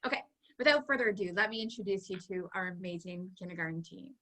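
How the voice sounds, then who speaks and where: Bright, enthusiastic woman teacher. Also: medium pitch, quick pace, low-quality recording. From Canada. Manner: enthusiastic, cheerful, chatty. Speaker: kindergarten teacher hosting a parent night. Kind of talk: upbeat presentation to parents.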